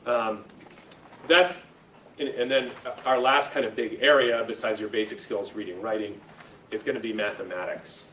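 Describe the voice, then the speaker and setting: In a school room, an American presenter talks to his audience in an informal, conversational lecture, often asking "right?" or "okay?". His voice sits on the low side, a bit bright and fairly even, at normal speed, with roomy echo, a distant mic and faint noise.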